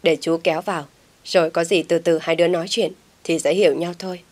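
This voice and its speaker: A woman voicing a scheming middle-aged uncle who coaxes his niece in a quick, persuading tone, in an audiobook story. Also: on the low side, fairly even intonation, darkish tone, natural voice. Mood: coaxing.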